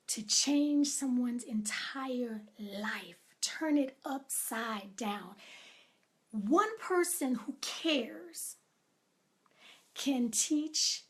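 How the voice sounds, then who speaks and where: In a motivational talk full of reflection, a woman with a high voice speaks with deliberate emphasis, lingering pauses, and gentle asides.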